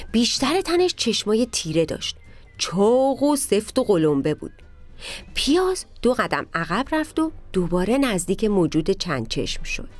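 A woman narrating a children's story, speaking directly to the kids in an animated way. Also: mid-range voice.

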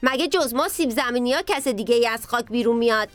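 A woman's voice: on the high side, no room sound, faint music behind, close to an everyday voice. A woman voicing a grumpy, impatient potato creature in a children's story, bossy and exasperated. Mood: puzzled.

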